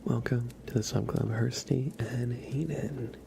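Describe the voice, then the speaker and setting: A livestream host whispers ASMR-style into a close microphone that picks up his mouth sounds, reading out and thanking his chat. His mid-range voice stays steady with some vocal fry, and he speaks softly and slowly with light chuckles. The background is noisy.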